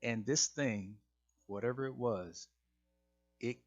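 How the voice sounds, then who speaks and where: A man's voice: mid-range voice, slow pace, dull audio, soft background music. Hesitant man telling a spooky story. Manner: hesitant, often restarts and repeats words. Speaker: channel host sharing his own encounters. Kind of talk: casual spoken storytelling.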